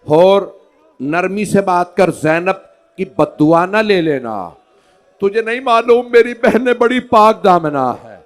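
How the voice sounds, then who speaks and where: A man leading a mourning majlis at a large outdoor gathering, moving from hushed, low storytelling to loud, wailing cries as he acts out the dialogue in his story. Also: lively intonation, measured pace. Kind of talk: impassioned majlis sermon recitation.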